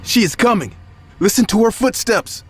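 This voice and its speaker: A man voicing a weak, nervous homeless man in a low, quiet voice, in a spoken horror story. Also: very animated, moderate pace. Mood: panicked.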